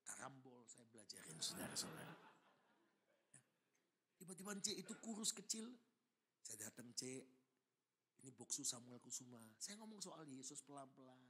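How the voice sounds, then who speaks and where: A man's voice: medium pitch, sharp tone, breathy edge. A middle-aged man preaching a sermon in church, telling a story with dramatic swings and constant calls to the congregation. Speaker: pastor.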